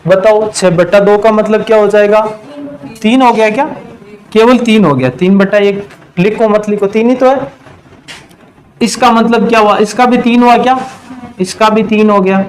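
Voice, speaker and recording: A male math teacher giving a classroom lesson, quizzing his students and answering his own questions, and drawing out the key terms slowly. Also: high-pitched, steady tone, a little hiss or hum, low-quality recording. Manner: slows to a drawn-out pace on key terms.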